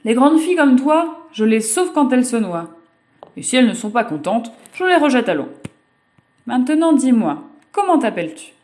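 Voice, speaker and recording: A woman voicing a gentle, kindly male crocodile in a storybook reading, speaking in a soothing, reassuring way. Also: on the high side, very animated, normal speed, pitched above the performer's own voice.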